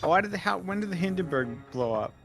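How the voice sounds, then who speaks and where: A man's voice: sits high, expressive, quick pace, vocal fry, a bit bright, faint music behind. A man chatting on a game stream, joking with mock-dramatic asides. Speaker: stream co-host. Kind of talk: casual gameplay chat.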